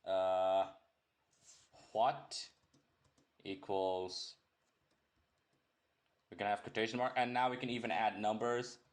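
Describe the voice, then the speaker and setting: In this relaxed screen-recorded coding lesson, a young English-speaking tutor rambles, self-corrects and adds jokey asides as he goes. He talks slowly in a fairly low, level voice, with long pauses.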